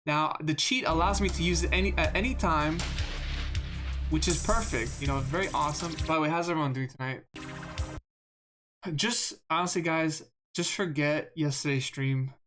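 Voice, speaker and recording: Over background music, a game streamer gives live commentary in a rambling monotone at medium pitch and normal speed. He is self-deprecating and repeats words often.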